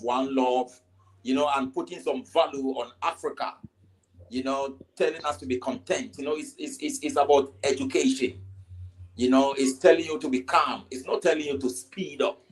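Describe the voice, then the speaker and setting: A man's voice: mid-range voice, rough recording. A Ghanaian man with a Ghanaian accent, a reggae artist answering interview questions in a casual way, often saying "you know" and stumbling over repeated words.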